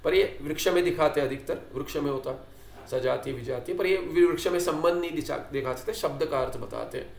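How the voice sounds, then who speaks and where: A man teaching a scripture class, explaining with questions and little acted dialogues, and reciting Sanskrit lines slowly. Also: a little high, gravelly, reverberant, slight background noise. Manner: quotes Sanskrit text slowly. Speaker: Vedanta teacher.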